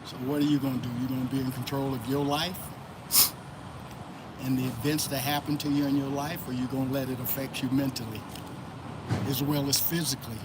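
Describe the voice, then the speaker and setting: Loud traffic roars around this Florida livestream host as he talks loosely through a casual motivational stream, calling out chat viewers by name. He speaks fairly quickly at a medium pitch with little pitch movement.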